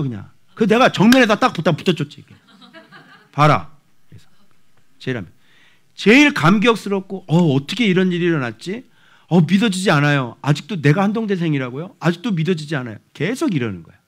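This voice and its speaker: A male pastor in his forties giving an expository sermon in a church, animated and acting out voices with shouts. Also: high voice.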